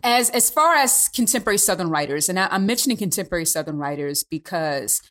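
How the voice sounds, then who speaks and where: A woman podcast host asking questions in an animated, halting way with many restarts. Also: lowish voice. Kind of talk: podcast interview.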